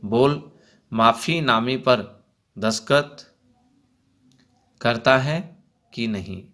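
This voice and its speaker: A man voicing a cruel, mocking male villain who shouts his threats, read aloud from a school play. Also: medium pitch, extremely slow. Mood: taunting.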